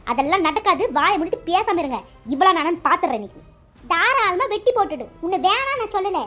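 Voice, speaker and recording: Brief: fierce protective stepmother, a woman voicing her, shrill and quick, cartoon. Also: fairly bright tone. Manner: scolding, shrill, rapid. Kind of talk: cartoon dialogue.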